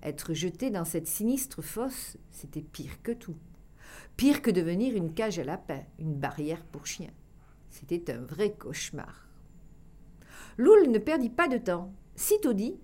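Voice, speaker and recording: A woman reading a children's tale aloud, expressive and dropping to a hush for dramatic passages. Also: fairly low pitch. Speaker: storyteller.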